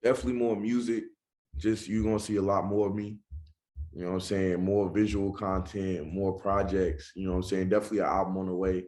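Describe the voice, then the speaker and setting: A man's voice: sits low, flat delivery, brisk, dark tone. A young man from Charlotte, North Carolina, with a Southern accent, a rapper talking casually in an interview and often saying "you know what I'm saying".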